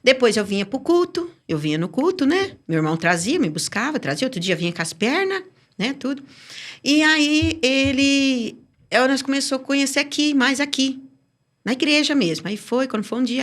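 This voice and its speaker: Woman telling her life story, higher voice. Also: normal speed. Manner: lively storytelling, acting out remembered dialogue; sweeping, swinging pitch as she tells her story. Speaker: podcast guest. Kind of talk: personal religious testimony.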